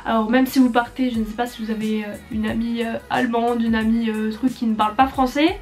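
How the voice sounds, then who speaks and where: Chatty young French-speaking woman, high voice. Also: steady tone, brisk, a little mellow, soft background music. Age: 20s. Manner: chatty, many fillers and hesitations. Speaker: YouTuber. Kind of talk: casual talk to camera giving language tips. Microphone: compact camera.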